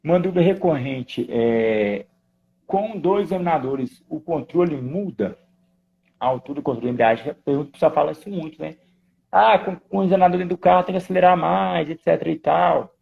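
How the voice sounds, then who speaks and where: A man with a Brazilian Portuguese accent, a driving instructor and co-host, chatting in an animated, jokey way during a live stream and reading out viewer comments. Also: fairly high pitch, brisk, creaky, lo-fi sound. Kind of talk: casual chat in a live stream.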